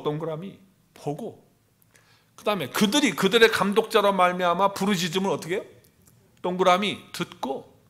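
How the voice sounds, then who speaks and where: A male pastor preaching a sermon, swinging from hushed whispers to loud exclamations. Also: sits high.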